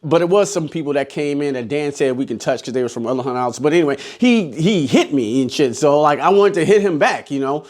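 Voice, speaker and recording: A man's voice: fairly high pitch, lively intonation, a little fast, few pauses, darkish tone. A man in his forties, a haunted house scare actor, telling stories in a rambling, profane way with many restarts. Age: 40s. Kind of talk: casual storytelling vlog.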